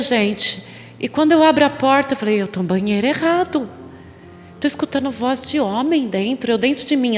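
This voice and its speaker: A woman pastor delivers an emphatic sermon in a somewhat high voice, pressing her listeners with rhetorical questions. The sound rings with a long church-hall reverb over a faint room ambience. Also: slight background noise. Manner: storytelling, animated.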